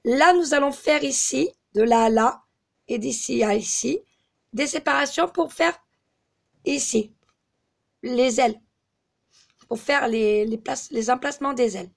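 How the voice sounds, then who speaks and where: A slightly hoarse woman giving a step-by-step crochet tutorial, patiently counting stitches aloud. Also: high voice, a little slow, pauses often. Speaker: crochet teacher.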